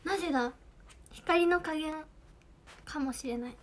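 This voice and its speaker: A young woman livestreaming as an idol, chatting casually and thanking viewers by name, her voice slightly hoarse. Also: high voice, measured pace. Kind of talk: casual livestream chat, reading viewer comments. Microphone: earphone mic.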